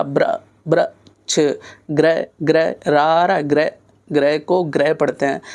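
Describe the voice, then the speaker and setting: A man teaching an online exam-prep Hindi lesson from north India, explaining slowly, repeating words to demonstrate pronunciation and mixing in English words. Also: fairly high pitch, darkish tone. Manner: self-corrects and mixes in English words.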